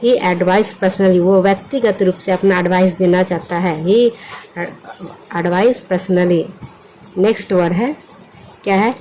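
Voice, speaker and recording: A woman with a warm, medium-pitched voice teaches English vocabulary. She patiently spells each word letter by letter, repeats words, and asks "what happened?" and what the letters make before giving the answer. The recording is rough, with a little hiss or hum.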